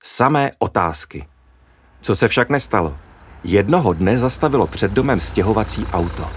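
A man reading a children's story aloud in a lively, expressive way. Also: on the low side, a little hiss or hum.

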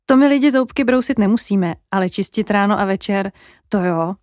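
A woman's voice: medium pitch, a little mellow, dry recording, studio quality, lightly acted. A woman voicing a curious, kind little girl in a children's story. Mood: eager.

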